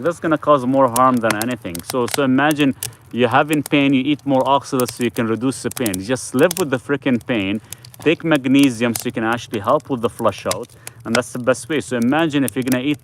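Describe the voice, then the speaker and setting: A man's voice: medium pitch, a little hiss or hum. A man hosting a casual live stream, answering viewers' questions in a loose, rambling way with frequent restarts.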